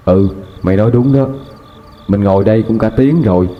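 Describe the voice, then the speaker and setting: A man playing an easygoing, offhand young man in a ghost story, talking briskly and dismissively. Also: on the low side, natural voice. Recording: dull lo-fi with faint music.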